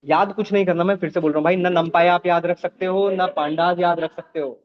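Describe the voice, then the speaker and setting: A man with a fairly high voice teaches a live coding class. He walks through each step and keeps checking that his students follow. The recording sounds dull and lo-fi. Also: steady tone, brisk. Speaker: programming teacher.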